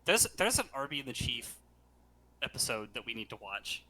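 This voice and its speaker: A man's voice: mid-range voice, big pitch swings, normal speed, pushed and bright, low-quality recording. A man co-hosting a game stream, making wry, teasing remarks. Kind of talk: casual gameplay chat.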